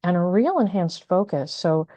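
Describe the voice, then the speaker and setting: A woman's voice: fairly low pitch, animated, moderate pace, warm tone, no room sound. A woman hosting an astrology video, talking casually and thoughtfully with many fillers and restarts. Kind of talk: casual spoken astrology guidance.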